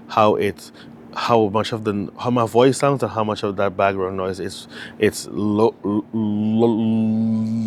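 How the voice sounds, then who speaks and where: A man testing his wireless clip-on mic, talking in a casual, halting way with many restarts, his voice run through noise reduction processing. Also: fairly low pitch. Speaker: gear reviewer. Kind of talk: casual product test vlog.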